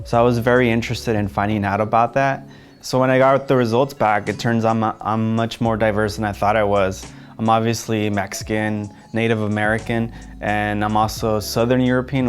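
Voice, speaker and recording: A man, an editor, talking casually to camera in a plain, matter-of-fact way. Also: lowish voice.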